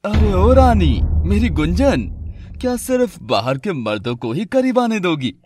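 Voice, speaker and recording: A drunk, bullying young husband. Animated serial, lively pitch, dry close sound. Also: male voice, moderate pace, dry recording, soft background music. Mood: drunk, menacing. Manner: taunting, menacing.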